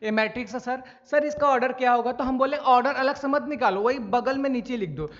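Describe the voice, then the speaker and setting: A man with a very high-pitched, slightly bright voice teaches a maths lesson at a fairly quick pace, asking and answering his own questions and often repeating key points. He calls students "sir" and "bhai" and coughs now and then. The classroom lecture is captured in a dull, lo-fi recording.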